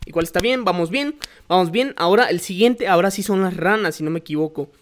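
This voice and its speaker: A man giving gameplay commentary, excitable, yelping and swearing when he gets hit. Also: sits high, fast. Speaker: gamer. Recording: faint music behind.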